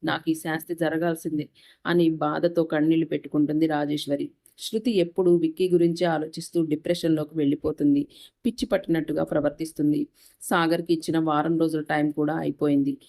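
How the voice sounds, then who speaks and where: A woman narrating a moral story in a steady, even reading voice. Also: deep voice, fast talker.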